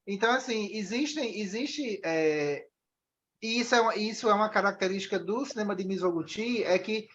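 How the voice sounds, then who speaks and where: A man's voice: high-pitched, normal speed, a bit bright, highs cut off, slight background noise. A man moderating a discussion after a film screening, talking with many restarts and "né?" tags.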